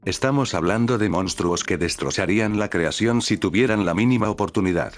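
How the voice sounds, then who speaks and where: A man's voice: lowish voice, a little fast, lightly acted. A man voicing a bitter, cynical male shadow being who speaks with scorn and swears. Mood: scornful.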